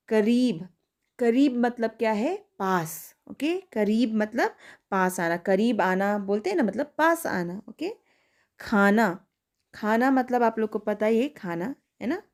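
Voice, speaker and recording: A woman teaching young children online, sounding out words slowly and asking questions she answers herself. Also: a little high, a little mellow. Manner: slow, carefully spelled-out pronunciation drills. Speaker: primary school teacher.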